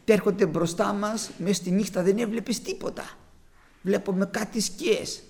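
A man's voice: sits high, steady tone, vocal fry, a little mellow. A man preaching a testimony sermon to his congregation, telling a childhood story with fervent, rising emphasis.

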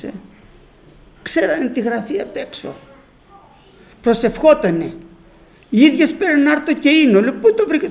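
An older man preaching, telling a personal story in an animated way and acting out the shouting voices of the people in it. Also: high voice, gravelly.

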